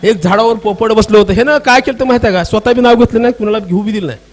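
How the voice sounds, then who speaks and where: A man's voice: high voice, racing, close to an everyday voice. A man doing a proud, irritated demon king. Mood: aggrieved. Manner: complaining, exasperated retelling.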